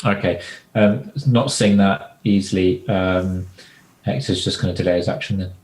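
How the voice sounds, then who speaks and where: A man's voice: low-pitched, steady tone, normal speed, darkish tone. A man playing in a tabletop game who describes his character's actions and corrects himself. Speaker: player. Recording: roomy echo.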